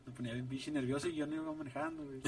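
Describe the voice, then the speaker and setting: Young musician, rough fry, animated slang storyteller, distant mic, light hiss. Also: male voice, high voice. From Ciudad Juárez, Mexico. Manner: slangy, animated retelling with voiced quotes. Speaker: ska band musician, guest. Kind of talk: casual chat, storytelling. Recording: distant mic with faint noise.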